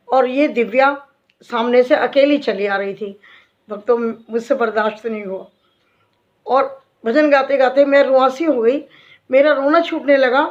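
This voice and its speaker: A middle-aged woman, a devotee and bhajan singer, telling an emotional faith story to fellow devotees in a heartfelt, earnest way. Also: high voice. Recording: dull lo-fi recording.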